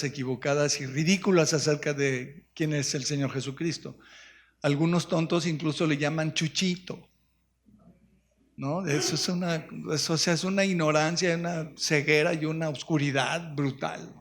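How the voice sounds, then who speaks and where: A man's voice: fairly high pitch, steady tone, normal speed, a bit bright. A man preaching a sermon in a church, emphatic and full of rhetorical questions. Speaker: pastor. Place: church sanctuary.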